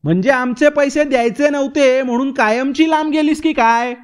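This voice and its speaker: A man's voice: very high voice, normal speed, pitched above the performer's own voice. A man voicing a teasing young man who insistently demands his friend repay old debts in a storybook reading.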